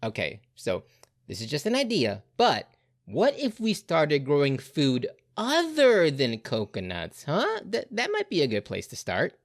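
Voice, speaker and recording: A woman's voice: low voice, huge pitch swings, measured pace, exaggerated voice. A woman voicing an exasperated teenage girl who ranted sarcastically about being asked to save her people. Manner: sarcastic, incredulous rants.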